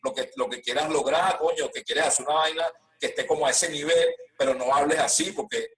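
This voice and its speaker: A Venezuelan man, a guest rapper in a casual podcast chat, blunt and animated with heavy slang. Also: on the high side, fairly quick, rough recording.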